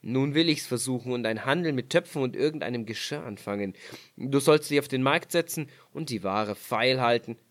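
A man voicing a gruff, poor husband from a fairy tale who scolds and gives orders. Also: medium pitch, normal speed, natural voice. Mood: scolding. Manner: scolding, commanding.

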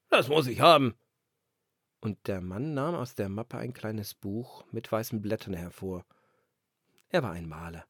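A man reading a fairy tale aloud in a calm, expressive storytelling manner on a close mic. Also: on the low side, no room sound. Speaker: narrator.

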